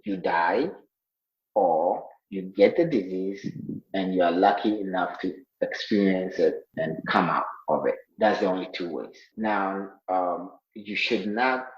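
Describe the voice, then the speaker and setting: A man's voice: low voice, measured pace. A man, a health care worker telling of his own illness in earnest, with many fillers and restarts. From Ghana. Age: 40s. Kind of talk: interview, personal account. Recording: roomy, dull sounding line.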